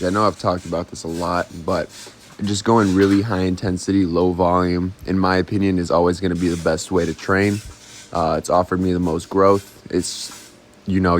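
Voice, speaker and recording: Young guy w deep voice doing casual gym workout commentary, bit of background noise. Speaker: fitness vlogger.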